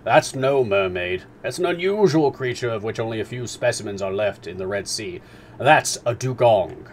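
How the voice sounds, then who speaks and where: A man reading aloud as a learned middle-aged professor who explains things in a measured way. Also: lowish voice, animated, a little hiss or hum, close to an everyday voice. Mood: explaining.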